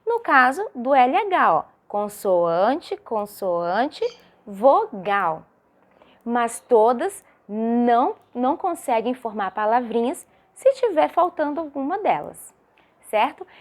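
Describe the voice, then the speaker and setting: A woman's voice: on the high side, big pitch swings. A woman primary school teacher with a Brazilian Portuguese accent, giving a recorded video lesson for young children and drawing out syllables in a sing-song way. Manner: slow, sing-song, drawn-out syllables with many rhetorical questions.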